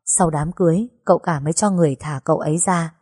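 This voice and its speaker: A woman reading a first-person story aloud in a sorrowful, measured way. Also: low-pitched, darkish tone, breathy edge. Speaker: narrator.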